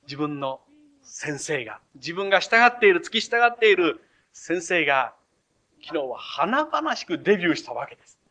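A man's voice: on the high side, very animated, moderate pace, sharp tone. A male pastor preaching an expository sermon, retelling scripture in a storytelling way with acted voices.

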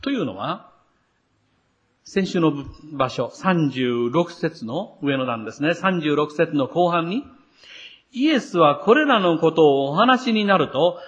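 Earnest man preaching a sermon, lively and animated, muffled lo-fi church recording. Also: a little high, takes it slowly. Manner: earnest, expressive preaching with rising emphasis. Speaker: pastor.

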